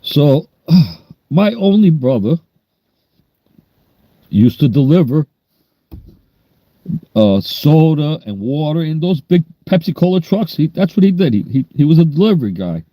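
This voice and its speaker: A man's voice: a little high, sing-song, a little slow, long pauses, warm tone, no echo. A man, chatting bluntly and rambling on a livestream. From New York. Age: 60s. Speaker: livestream host. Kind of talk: casual livestream chat.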